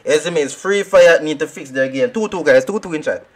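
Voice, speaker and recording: A young Jamaican man streaming a shooter game, talking through it in excitable, rambling trash talk. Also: a little high, fairly quick. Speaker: gaming streamer. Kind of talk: live gameplay commentary.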